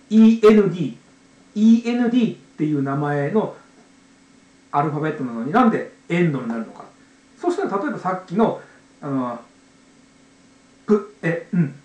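A man in his forties from Japan explains pronunciation in a casual, hesitant monologue, leaning on fillers and slowly sounding out letters. His pitch sits a little high and swings widely. The recording is roomy and echoey. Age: 40s. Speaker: channel host, English learner.

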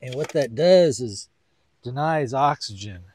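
A man's voice: mid-range voice, expressive, a little slow, darkish tone, breathy edge. A man giving casual step-by-step grilling tips outdoors at a backyard grill, in an easygoing, chatty way. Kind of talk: casual how-to cooking vlog.

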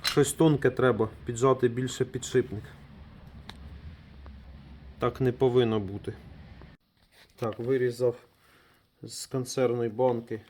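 A man's voice: medium pitch, flat delivery, unhurried, long pauses, a little mellow, slight background noise. A man talks his way through a repair in his workshop in a loose, unscripted way. He trails off mid-thought and picks the sentence up again, and keeps calling his viewers friends. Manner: thinks aloud while working, trailing off and restarting. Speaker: DIY mechanic vlogger. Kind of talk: casual hands-on repair commentary.

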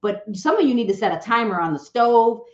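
A woman giving social media advice to an audience, talking in a direct, teasing and animated way. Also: fairly high pitch, a little fast. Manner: animated, direct, teasing, acts out quoted voices. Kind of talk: motivational talk to an audience. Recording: roomy, slightly dull sound.

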